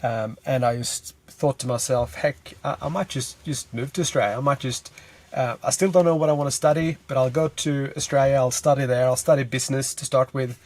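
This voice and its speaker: A Swedish man in his thirties, an energy consultant, answers a podcast's casual interview questions from a parked car over a remote call on a podcast mic. His medium-pitched voice is steady, fairly quick and a little mellow, and he replies thoughtfully with plenty of fillers.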